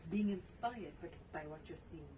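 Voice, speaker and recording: A woman's voice: on the low side, normal speed. A woman hosting a radio interview in a chatty way, often echoing her guest's words. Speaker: radio show host. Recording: distant mic with background noise.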